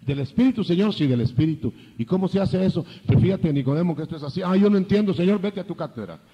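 An older man preaching a sermon, lively, acting out biblical dialogue in changing voices. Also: sits high, fast, slightly rough, long reverb tail, muffled recording.

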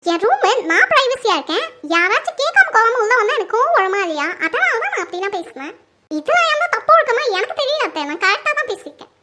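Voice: very high voice, sing-song, fast, very noisy. A performer voicing an arrogant young daughter-in-law who scolds and threatens in a family drama skit. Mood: defiant.

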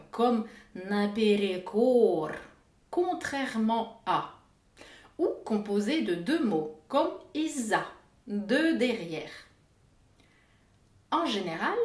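Brief: female pronunciation teacher, unhurried and animated, echoey room. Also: medium pitch. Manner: slow, careful over-articulation of example words. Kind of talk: explanatory lesson.

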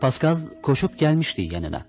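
A man's voice: medium pitch, sing-song, normal speed, darkish tone, faint music behind. A man reading a children's story aloud, expressively voicing the characters' lines. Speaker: audiobook reader. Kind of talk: storybook narration.

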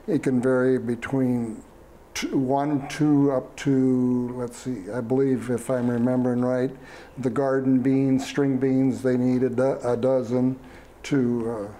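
A man, speaking slowly with many fillers and restarts as a fair superintendent in a studio interview. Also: mid-range voice, flat delivery, mellow. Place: small TV studio. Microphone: lapel mic.

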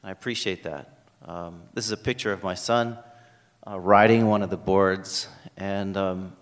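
A man's voice: deep voice, steady tone, moderate pace. A middle-aged man from Hawaii with a Hawaiian accent, giving a conference lecture at a podium with plenty of ums and uhs. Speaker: history professor giving a talk. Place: university lecture hall at a podium. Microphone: podium microphone. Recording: reverberant lecture hall.

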